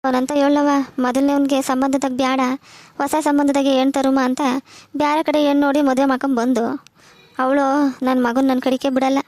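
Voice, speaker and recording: A woman's voice: sits high, level tone, brisk, darkish tone, no room sound, close to an everyday voice. A woman voicing a bitter, complaining old village widow with a rural Karnataka Kannada accent, full of sayings. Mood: lamenting.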